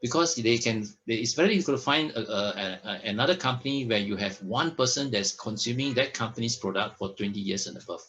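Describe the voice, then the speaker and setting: A man's voice: mid-range voice, brisk, hardly any pauses, fairly bright tone, highs cut off, a little hiss or hum. A man presenting products in a sales talk, emphatic, often checking in with "all right?" and "okay?". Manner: emphatic, stresses words by repeating them.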